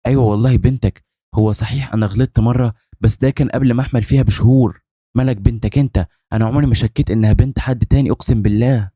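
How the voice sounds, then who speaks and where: A man's voice: fairly low pitch, steady tone, fast, mellow, no room sound, studio quality, natural voice. A man with an Egyptian accent reading the lines of a remorseful, tearful wife in a told story. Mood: insistent. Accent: Egyptian Arabic. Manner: pleading, tearful.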